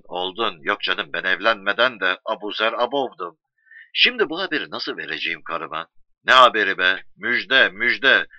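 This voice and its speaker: A man's voice: lowish voice, no room sound, dull audio. A man reading a comic first-person story aloud, arguing with himself in a self-mocking way.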